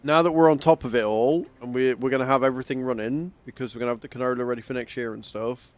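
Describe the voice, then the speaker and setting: A man hosting a gameplay livestream, talking casually and thinking aloud about his plans, coughing and clearing his throat now and then. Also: mid-range voice, fairly even intonation, fast, darkish tone. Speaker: livestream gaming host.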